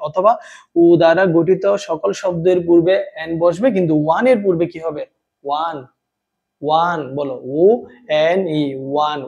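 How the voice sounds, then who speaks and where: A man teaching an English grammar lesson to a class, quizzing students and reading example sentences slowly. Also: on the high side, darkish tone, breathy edge, dull audio. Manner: drills students with questions and answers, reads example sentences slowly.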